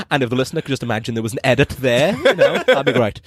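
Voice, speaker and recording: A man's voice: mid-range voice, slightly rough, no room sound, clean studio sound. A young man co-hosting a comedy podcast, telling a story with lots of laughter and acted-out voices. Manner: animated, laughs often, acts out dialogue in voices. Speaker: podcast co-host.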